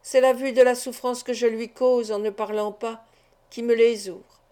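A resolute, anguished wife, as a woman reader voices her, pouring out an earnest confession. The voice is fairly high and mellow, with a warm, soft tone. It is heard in a storybook reading of a classic novel. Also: fairly even intonation, moderate pace, smooth, close to an everyday voice.

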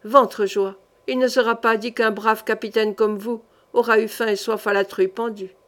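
A woman's voice: a little high, fairly even intonation, moderate pace, a bit bright, close to an everyday voice. A woman reading an audiobook, voicing an anxious, greedy male innkeeper who frets and exclaims. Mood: eager.

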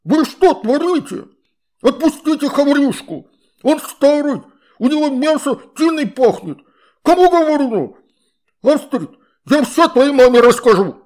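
A man voicing a grumpy, fat old male river spirit with a bubbling, shrill voice, scolding children in a storybook reading. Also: expressive, measured pace, a little mellow. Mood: indignant scolding. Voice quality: gurgling, shrill and indignant. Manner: scolding, threatening to tell parents.

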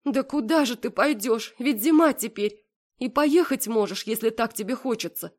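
A woman voicing a tearful middle-aged mother who pleads with her daughter in a high, anxious voice. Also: moderate pace, darkish tone, natural voice. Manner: high, pleading, close to tears.

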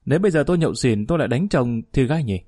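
Brief: steady, no-nonsense village woman mediator, read by a man, middle pitch, firm and measured. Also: no room sound, studio quality, close to an everyday voice. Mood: calm firm. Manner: measured, plain-spoken, commanding.

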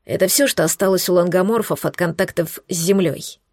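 A hoarse, weakened young man speaks slowly through the strain of his wounds, as a woman narrator voices him. The voice is quiet and worn, with a dry, close sound. A storybook figure, wry even in pain. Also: on the low side, no echo, lightly acted. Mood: weary.

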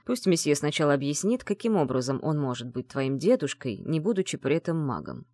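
A protective young lord speaks quietly and warily, voiced by a woman reading an audiobook. The voice sits low, with lively pitch movement. The recording is close and dry. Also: brisk, no room sound, full character voice. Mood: guarded. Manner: quiet, guarded.

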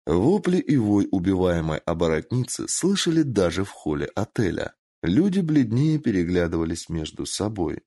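A man narrating a story in an expressive, lively storytelling manner. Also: low voice, moderate pace, hardly any pauses, breathy edge, no room sound, studio quality. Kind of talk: audiobook narration.

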